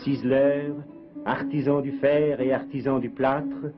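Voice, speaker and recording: A man giving solemn, measured, poetic scripted documentary narration, heard as a 1950s TV broadcast. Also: mid-range voice, level tone. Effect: 1950s TV broadcast sound. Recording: dull lo-fi 1958 archive with music. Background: plucked guitar music.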